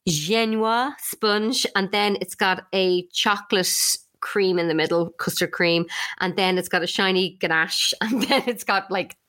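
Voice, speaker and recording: A woman's voice: medium pitch, measured pace. Chatty woman podcast co-host. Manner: chatty, animated storytelling. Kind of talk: casual chat.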